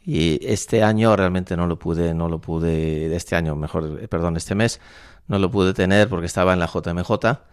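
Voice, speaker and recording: A man in his sixties from La Mancha in Spain, a priest, speaking thoughtfully with frequent pauses in a radio studio interview. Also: low-pitched, clean tone, no room sound. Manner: thoughtful, measured, with frequent hesitations. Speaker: priest and university rector. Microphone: studio microphone.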